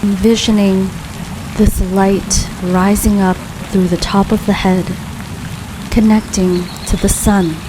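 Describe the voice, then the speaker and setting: A woman leading a guided grounding meditation in a calm, soothing, unhurried way, leaving long pauses between phrases. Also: mid-range voice. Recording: steady rain noise behind voice. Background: rain falling.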